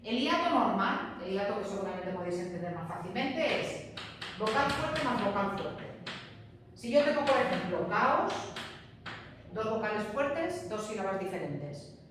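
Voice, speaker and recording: A woman's voice: medium pitch, big pitch swings, unhurried, a bit bright, a little hiss or hum. A woman from Spain teaching a grammar lesson, patient and emphatic, often checking in with her students. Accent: Spain Spanish. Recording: echoey hall, voice from far off.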